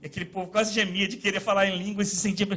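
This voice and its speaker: A man from Northeast Brazil with a Northeastern Brazilian accent, preaching a sermon at a church service, moving between loud shouting and quiet storytelling. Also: high voice, level tone, rapid-fire. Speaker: pastor.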